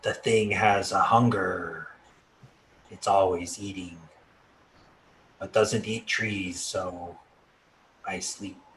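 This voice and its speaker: An ancient elm tree spirit, acted by a man, creaky and deep with great age. It speaks very slowly and drowsily in a weary tabletop-game role-play, over faint background noise. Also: fairly even intonation, a bit bright, poor audio. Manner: very slow, drowsy, weary speech.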